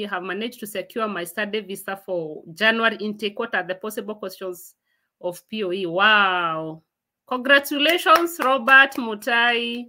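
A chatty livestream host in her forties reads viewer comments aloud at home indoors and answers them, often breaking into laughter. A laptop mic at arm's length captures her high, bright voice and its forward ring.

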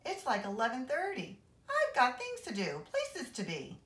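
A woman's voice: high-pitched, huge pitch swings, normal speed, fairly bright tone, far from the mic, pitched above the performer's own voice, exaggerated voice. A woman reading aloud, voicing a bored, whiny schoolboy who drawls his complaints. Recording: roomy echo.

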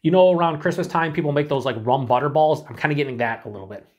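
Here a middle-aged man does a casual solo beer review straight to camera from a small room. His pitch is fairly high and his pace quick; he's excited and talkative, curses freely, and sometimes slips into breathy whispering.

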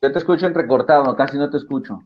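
A man's voice: medium pitch, very fast, soft background music. A man, a salsa dancer, telling a long story as a guest on a live-stream interview over video call, with lots of fillers. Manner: rambling, storytelling with many fillers. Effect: lo-fi video call audio. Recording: dull lo-fi video call audio.

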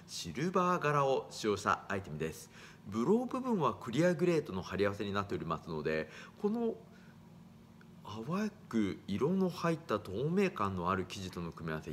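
Guy in his 30s showing off glasses in a shop, low voice that swings up and down a lot, faint noise behind. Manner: formal, courteous, lively rises in pitch. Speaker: eyewear shop staff presenting frames. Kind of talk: polite product presentation. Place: small indoor eyewear shop. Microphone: phone camera at arm's length.

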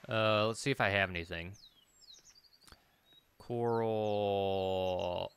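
In a lowish, gravelly voice that's a bit bright yet clean in tone, a man in his thirties streams a game from an indoor computer setup. His commentary is casual and hesitant, full of muttered repetition as he thinks aloud.

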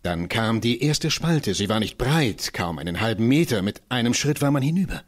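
A man's voice: medium pitch, very animated, moderate pace. A man reading literary prose aloud in a staged reading, telling it dramatically and expressively. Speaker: reader.

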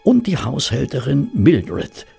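An actor playing Dr. Watson, a genial English physician telling of a detective case in a German radio drama. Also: male voice, mid-range voice, huge pitch swings, slow, creaky, mellow, faint music behind, heavily acted. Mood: grave, wry.

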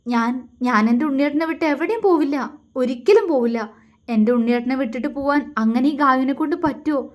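A woman voicing an affectionate, playful young wife who coaxes and teases gently. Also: high voice, quick pace, lightly acted. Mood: coaxing. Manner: coaxing, sweet and teasing.

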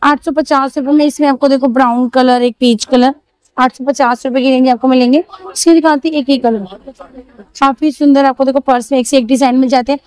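A woman shopping vlogger walks through an outdoor street market with a handheld phone, chattily repeating each price for her viewers. Her voice is high, steady, fairly quick and a little mellow, with no echo on a low-quality recording.

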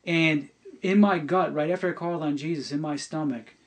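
A middle-aged man telling a personal testimony on a podcast, earnest and halting, often restarting and repeating words. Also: fairly high pitch, fairly even intonation.

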